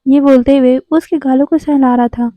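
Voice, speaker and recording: A woman's voice: high voice, steady tone, normal speed, dark tone, no room sound. A woman narrating a story casually, adding explanatory asides and correcting herself. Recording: dull lo-fi dry sound.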